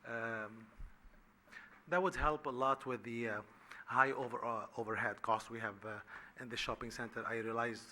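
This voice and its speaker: Halting man from Lebanon at a podium. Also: medium pitch, fairly even intonation, sharp tone. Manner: halting, many fillers and restarts. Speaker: restaurant owner applying for a license. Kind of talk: public comment at a city meeting. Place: council chamber.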